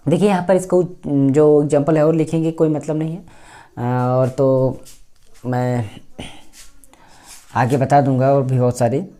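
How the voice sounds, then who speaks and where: A man's voice: mid-range voice, level tone, measured pace, long pauses, dark tone. A man teaching English pronunciation in a chatty lesson, repeating words as drills. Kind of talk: casual classroom lesson.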